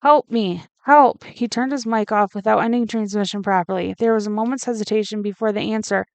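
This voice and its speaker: A woman reads a novel aloud with steady, expressive pacing. Her voice is smooth and clear, and the recording is dry and close. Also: medium pitch, fast talker, no echo. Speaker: reader.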